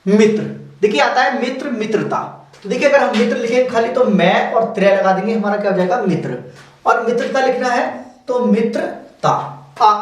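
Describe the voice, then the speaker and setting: A man teaching shorthand, explaining step by step and slowly drawing out example words. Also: high-pitched. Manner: slow, repetitive, drawn-out word demonstrations. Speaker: stenography teacher. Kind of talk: explaining steno outlines. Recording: echoey room, far from mic.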